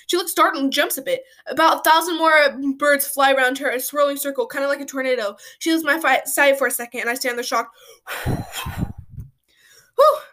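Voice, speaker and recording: A woman telling a silly made-up adventure in a casual, slangy, animated way, full of "like" and "bro". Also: high-pitched, fairly quick. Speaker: storyteller. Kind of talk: casual comic storytelling.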